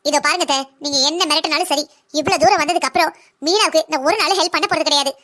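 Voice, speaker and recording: Woman voicing a sharp-tongued young daughter-in-law. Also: high-pitched. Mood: defiant. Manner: fast, blunt and lecturing. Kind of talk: cartoon drama voice acting.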